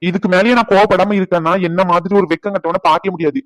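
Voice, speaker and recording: A man plays an indignant cartoon son defending his wife, his lines racing out at a very fast clip. The voice sits fairly high for a man and is recorded dry and close. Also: fairly even intonation, no room sound, close to an everyday voice, poor audio. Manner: indignant, rapid arguing. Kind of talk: cartoon family-drama voice acting.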